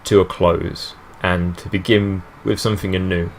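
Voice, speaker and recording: Deep-voiced man rambling over gameplay. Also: little pitch movement, moderate pace, a little hiss or hum. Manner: rambling, enthusiastic fan talk. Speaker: gaming channel host. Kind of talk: let's play commentary.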